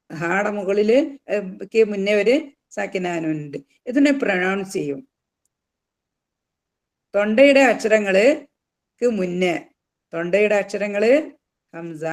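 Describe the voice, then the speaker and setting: A Quran recitation teacher, patiently explaining recitation rules, slowing down to sound out each word and repeating it. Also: mid-range voice, a little mellow. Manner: patient, slows right down to demonstrate each word; repeats words and mixes in English terms.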